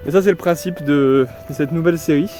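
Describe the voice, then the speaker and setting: A man's voice: a little high, moderate pace, music in the background. Chatty young man rambling outdoors. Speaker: vlogger. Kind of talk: casual walking vlog. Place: outdoors in a forest.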